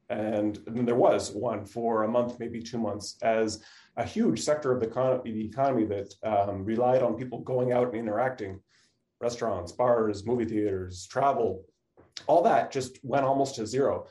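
A man's voice: medium pitch, moderate pace, mellow. A man speaking as an expert guest in a radio interview, explaining things in an informal, conversational way. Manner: informal explaining, often checks with "you know" and "right". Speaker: academic supply chain expert, interview guest.

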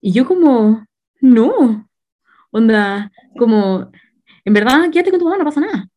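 A woman's voice: on the high side, very animated, a little slow, warm tone. Slangy Chilean woman telling stories. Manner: slangy, laughing, storytelling. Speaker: podcast co-host. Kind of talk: casual chat.

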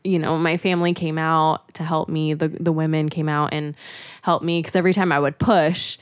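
A woman's voice: deep voice, little pitch movement, normal speed, clear, resonant tone, no echo, studio quality. A young woman, a podcast guest, telling a personal story casually with lots of "like" fillers. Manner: chatty, frequent "like" fillers.

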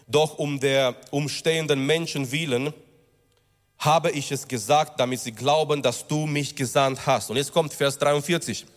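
A male pastor preaching a sermon with emphatic stresses, slowing down on key words and building up in pitch and loudness. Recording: long reverb of a large hall.

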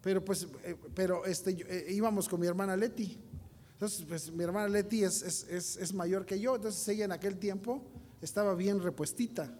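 Man, pastor, high voice, sermon with stories, asks the congregation questions, long church reverb. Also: moderate pace, a little mellow, a little hiss or hum. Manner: storytelling, addresses congregation directly.

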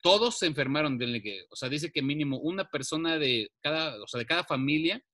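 A man with a Mexican accent co-hosting a casual chat show, laid-back and slangy, with animated bursts. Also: on the high side, brisk. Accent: Mexican Spanish. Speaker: podcast co-host.

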